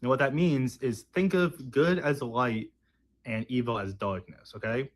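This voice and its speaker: Man, average pitch, casual explanatory talk, didactic, conversational. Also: a little slow, a little hiss or hum. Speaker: video speaker explaining religious belief.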